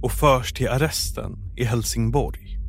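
Calm man narrating true crime. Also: mid-range voice, gravelly, faint music behind. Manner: calm, measured storytelling. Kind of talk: scripted narration.

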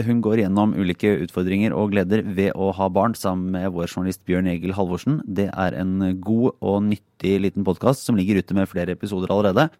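Male podcast host, lowish voice, brisk friendly promo read. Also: darkish tone, dry recording, clean studio sound. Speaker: podcast host introducing a guest episode. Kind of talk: scripted promo introduction.

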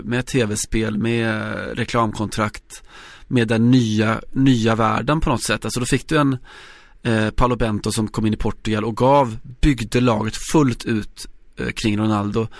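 A man co-hosting a podcast in casual chat, talking in a measured, reflective and analytical way. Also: fairly low pitch, steady tone, no echo, clean studio sound. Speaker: podcast co-host.

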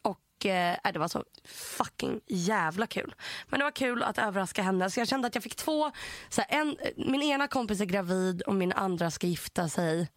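A woman telling a story in casual chat, animated, swearing often and acting out the dialogue. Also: medium pitch, no echo. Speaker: podcast co-host.

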